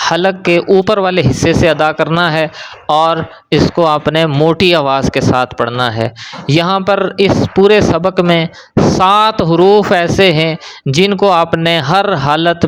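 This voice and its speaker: A Pakistani man teaches a beginners' recitation lesson in a very smooth, clear voice that sits a little high. He explains how each letter is formed, then sounds it out slowly and more loudly for learners to copy. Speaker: Quran reading teacher.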